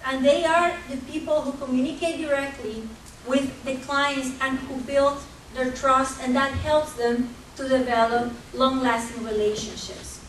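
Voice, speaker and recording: A woman from gives an earnest, measured conference talk, pausing now and then with hesitations. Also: high-pitched, fairly even intonation. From Costa Rica. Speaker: conference presenter for a microfinance group. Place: conference hall. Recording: echoey hall, distant mic, faint hum.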